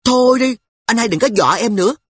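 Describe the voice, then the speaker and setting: A storyteller voicing a timid young girl who whines and pleads in a high, wavering voice. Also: expressive, quick pace, slightly rough, no echo. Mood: scared. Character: frightened little girl, the narrator's younger sister. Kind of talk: audiobook character voice.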